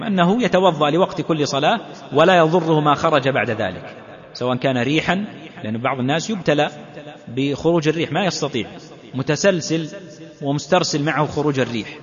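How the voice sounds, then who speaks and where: A man, a sheikh, explaining a classical religious text in a lesson, deliberate and repeating key phrases for emphasis. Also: on the high side. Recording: reverberant hall, dull lo-fi sound.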